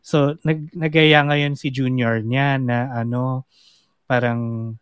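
Filipino man, lively retelling, dry sound. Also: medium pitch, takes it slowly, clean tone, no echo. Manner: animated retelling, acts out quoted lines. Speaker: podcast co-host. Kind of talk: casual chat recapping a series.

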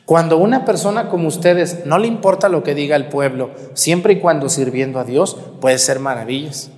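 Male priest, homily, fairly high voice, long church echo. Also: moderate pace, darkish tone. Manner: conversational preaching that mimics parishioners' excuses. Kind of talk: Mass homily. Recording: reverberant church hall.

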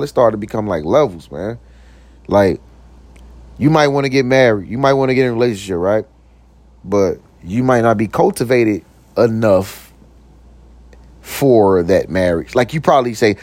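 A young podcast host with a slightly mellow voice that has recently deepened delivers a casual motivational talk, recorded with no room sound. He keeps it loose with plenty of slang and "you know what I'm saying," cracking jokes and putting on silly voices.

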